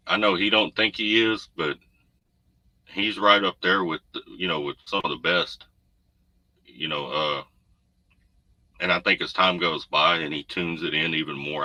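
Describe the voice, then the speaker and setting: A man with a deep voice hosts a casual livestream from a room at home, rambling easily through viewer comments as a trucker host. His delivery is pushed and bright, picked up by a desk USB condenser mic in a dry recording. The audio is poor, with background noise.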